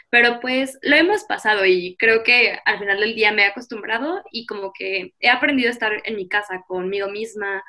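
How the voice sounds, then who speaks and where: A woman's voice: medium pitch, bright, forceful tone. A woman in her twenties with a Mexican accent, talking casually as a guest in a podcast interview. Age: 20s. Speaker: podcast guest, visual artist.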